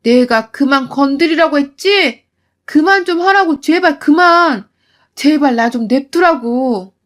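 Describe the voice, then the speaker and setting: A woman's voice: high voice, animated, normal speed. A woman voicing her younger self as an angry wife, talking back sharply and raising her voice. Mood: furious. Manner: sharp, defiant, shouting. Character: furious fed-up young wife.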